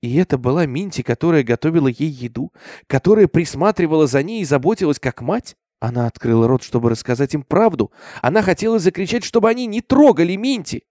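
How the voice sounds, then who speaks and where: A man narrating a horror story with an intense, expressive delivery. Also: a little high, fast, dry recording, clean studio sound. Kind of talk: dramatic horror story reading.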